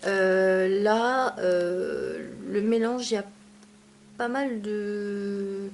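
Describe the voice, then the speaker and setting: A woman's voice: medium pitch, steady tone, drawn-out words, darkish tone, a little hiss or hum. A young adult woman reviewing teas she has finished, chatty, with many fillers and asides. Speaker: tea vlogger. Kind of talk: casual product review.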